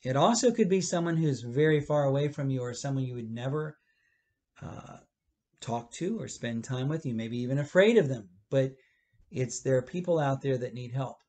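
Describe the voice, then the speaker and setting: A man's voice: medium pitch, normal speed. Middle-aged man teaching a children's lesson. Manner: gestures a lot, explains gently with rephrasing. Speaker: pastor. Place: church library with bookshelves.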